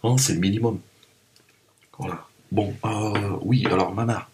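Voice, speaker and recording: Man, parisian accent, low voice, rambling joking vlog talk, chatting at home. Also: steady tone, unhurried, noisy background. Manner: joking, rambling, teasing asides. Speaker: vlogger. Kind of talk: casual vlog monologue. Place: home, cold room.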